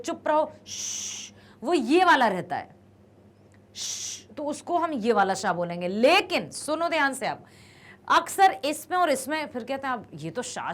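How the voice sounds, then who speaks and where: Young woman teacher, high and animated, patient and repetitive, grammar lesson. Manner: explains patiently, repeats words slowly.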